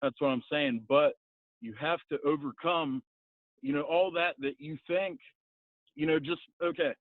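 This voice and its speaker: A man with an American hillbilly twang calls in by phone, arguing in a plain-spoken, halting way. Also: fairly high pitch, no room sound. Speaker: phone-in caller. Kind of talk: unscripted debate on a call-in show. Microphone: telephone. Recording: thin, narrow phone line.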